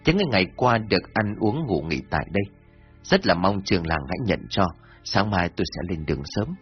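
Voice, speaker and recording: A man doing a calm wise traveler. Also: low-pitched, husky, pitched below the performer's own voice. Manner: measured, courteous. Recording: dull lo-fi, faint music.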